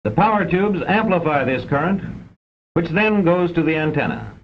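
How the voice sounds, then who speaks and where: Over rumbling noise on a dull vintage film track, a man reads a script for an educational film. His voice is sing-song at a normal speed, and he speaks in a formal, exact, teacherly way.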